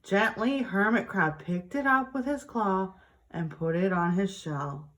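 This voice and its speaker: A woman reading a picture book aloud to young children in an expressive, deliberate teacher's way. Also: mid-range voice.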